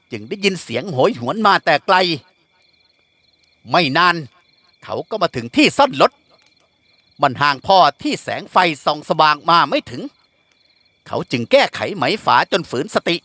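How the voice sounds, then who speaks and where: A man reading a classic novel aloud with expressive storytelling. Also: a little high, no echo. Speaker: audiobook narrator. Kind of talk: scripted novel narration.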